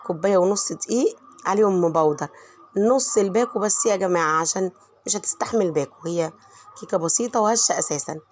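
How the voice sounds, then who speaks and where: An Egyptian mother who vlogs from home narrates her cooking in a chatty voice-over, speaking warmly and straight to viewers in Egyptian Arabic. A cold has left her lowish voice hoarse, and there's slight background noise.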